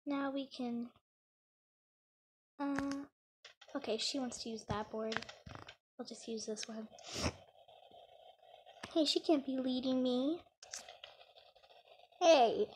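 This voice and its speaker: Young female gamer, unhurried, chatty running commentary, faint background noise. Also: high-pitched, darkish tone. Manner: chatty, narrates her own actions. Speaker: gamer playing a roleplay game. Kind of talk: casual gameplay commentary.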